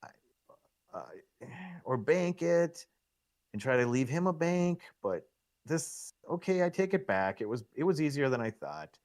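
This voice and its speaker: A middle-aged man giving excitable, coaching commentary on a live pool match, laughing at himself often. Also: medium pitch, a little slow.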